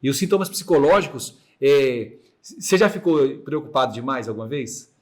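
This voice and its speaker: A man's voice: medium pitch, normal speed. Hesitant Brazilian man hosting a podcast. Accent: Brazilian Portuguese, Mato Grosso. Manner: hesitant, many restarts and repeated words; imitates sounds of heartbeats. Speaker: podcast host. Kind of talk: casual podcast chat. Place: room without air conditioning.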